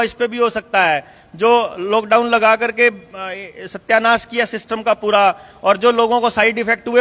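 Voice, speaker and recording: A man's voice: high voice, fairly bright tone, in a large hall. A man giving an emphatic, conversational speech to a political meeting, often laughing between points. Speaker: speaker addressing a political meeting. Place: meeting hall.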